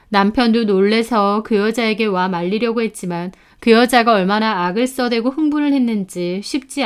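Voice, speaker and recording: A woman narrating a dramatic story in an even, conversational manner. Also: medium pitch, smooth.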